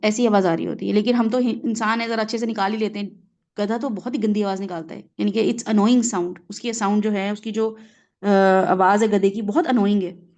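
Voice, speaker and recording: A woman's voice: mid-range voice, fairly even intonation, a little mellow. A woman with a Pakistani Urdu accent teaching a Quran reflection lesson, explaining word by word, mixing in English words and often checking in with her listeners.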